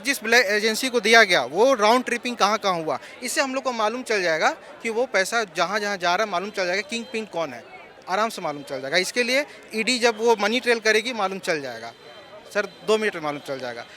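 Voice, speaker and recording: A man's voice: high-pitched, bright, forceful tone. A man, a protesting exam candidate, making formal demands in a street interview outdoors.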